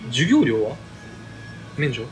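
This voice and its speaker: A man's voice: medium pitch, sing-song, takes it slowly, over music, rough recording. A young adult man with a Kansai Japanese accent chatting casually and questioning his friend. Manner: questioning, inquisitive. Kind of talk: casual chat between friends.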